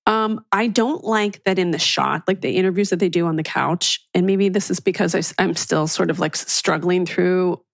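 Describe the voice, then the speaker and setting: A woman hosts a podcast in easy, gossipy chat, tossing in wry asides and jokes. Her voice has a gravelly, creaky texture. The recording is close and dry. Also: lowish voice, fairly even intonation, moderate pace, few pauses, no room sound. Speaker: podcast host.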